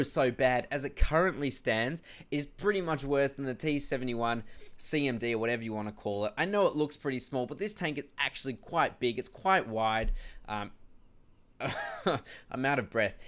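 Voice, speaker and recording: A young man giving casual gameplay commentary, ranting in a frustrated, animated way and often addressing viewers as "guys". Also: mid-range voice. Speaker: gaming video host.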